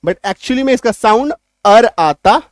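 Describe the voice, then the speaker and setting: A man teaching an English spelling lesson, explaining step by step, spelling words out slowly and loudly, and often asking whether the class is following. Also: high-pitched, lively intonation, clean tone, no room sound, clean studio sound. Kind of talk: spoken language lesson.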